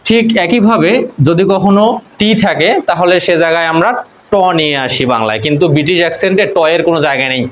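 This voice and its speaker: A man's voice: on the high side, fairly bright tone, low-quality recording. Bangladeshi man drilling English sounds. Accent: Bangladeshi Bengali. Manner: slow, spelling words out and drilling them. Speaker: English pronunciation teacher. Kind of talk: spoken-English lesson.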